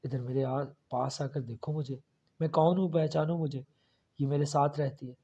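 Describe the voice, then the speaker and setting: Brief: male narrator doing an angry demon in a possessed girl, taunting, slightly raised pitch, muffled lo-fi sound. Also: steady tone, dark tone, husky. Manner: taunting, commanding. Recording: dull lo-fi audio.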